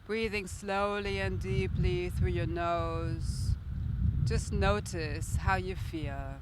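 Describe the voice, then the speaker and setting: A woman yoga instructor calmly guiding a breathing practice in a measured, soothing way. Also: on the low side, very noisy.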